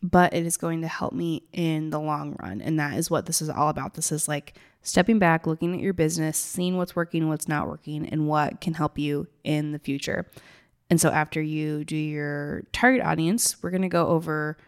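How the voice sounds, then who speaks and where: A woman with a gravelly, tired morning voice, talking informally and ramblingly to listeners like a business coach. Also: deep voice, normal speed. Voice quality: gravelly, raspy. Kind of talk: casual solo talk to listeners.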